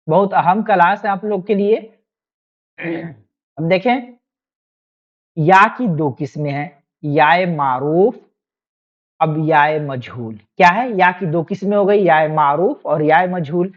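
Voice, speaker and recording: A lowish female voice on lo-fi audio belongs to a teacher running an online exam-prep session. She walks through the material patiently, restating each point and quizzing her students with brief questions.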